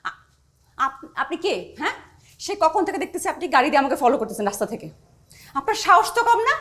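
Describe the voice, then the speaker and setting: A woman's voice: very high voice, big pitch swings, fast talker, fairly bright tone, slight background noise, full character voice. An actress playing a feisty young woman who scolds a stranger she thinks is following her, in a TV drama. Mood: indignant. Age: young adult. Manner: indignant, scolding. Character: feisty young woman, quick to threaten police. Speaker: new neighbor girl. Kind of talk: TV drama acting.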